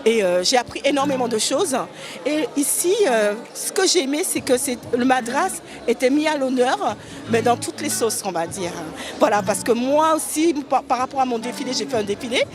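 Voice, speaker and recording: A woman's voice: high voice, animated, moderate pace, music in the background. A woman fashion designer and children's author, answering at length with many hesitations and fillers. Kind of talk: interview at a fashion show.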